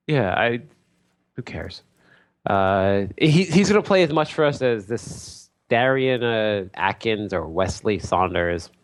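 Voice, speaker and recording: A man's voice: lowish voice, animated, slow. A man co-hosting a podcast, chatting casually about basketball with a sarcastic, jokey manner. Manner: sarcastic, jokey, acts out quotes. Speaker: podcast co-host. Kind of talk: casual sports chat.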